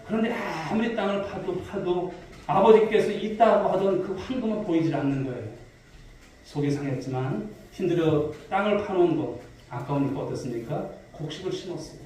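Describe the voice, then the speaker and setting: A man's voice: sits high, brisk, a little mellow, a little hiss or hum. A male pastor preaching a sermon to his congregation, asking questions and telling stories. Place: large church sanctuary. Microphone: distant mic in a reverberant hall. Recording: very echoey hall, voice from far off.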